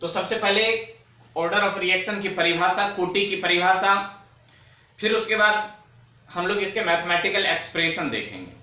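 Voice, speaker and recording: Man slowly dictating a chemistry lecture. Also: sits high, animated, pushed and bright, reverberant, far from the mic, low-quality recording. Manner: dictates definitions slowly, repeating them word by word. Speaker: chemistry teacher. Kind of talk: recorded video lecture.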